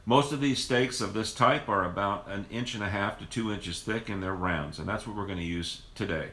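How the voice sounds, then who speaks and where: A man's voice: fairly low pitch, normal speed, pushed and bright, reverberant. A man hosting a home cooking video, explaining the method casually and rambling with frequent restarts in his kitchen.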